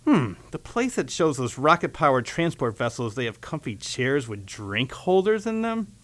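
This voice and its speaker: A man's voice: medium pitch, sing-song, normal speed, fairly bright tone. A man voicing a nervous, fussy male junior engineer who fusses over details. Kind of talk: radio comedy sketch acting.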